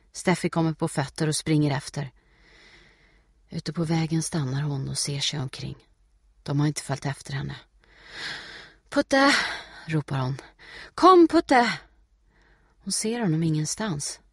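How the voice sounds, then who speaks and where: A man reading a novel aloud as an audiobook narrator, in a steady, measured way. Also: a little high, gravelly, husky, no echo, studio quality.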